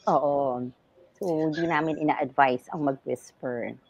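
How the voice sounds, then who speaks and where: A woman's voice: low-pitched, steady tone, a little slow, muffled recording, crowd noise. A woman ENT doctor, a guest on a health talk show, explaining things patiently in a mix of English and Tagalog.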